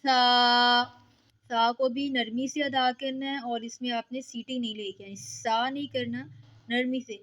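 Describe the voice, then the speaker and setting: A woman's voice: a little high, fairly even intonation, normal speed, lo-fi sound. A woman teaching beginners to read Quranic letters, patiently drawing out each sound. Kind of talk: recitation lesson for beginners.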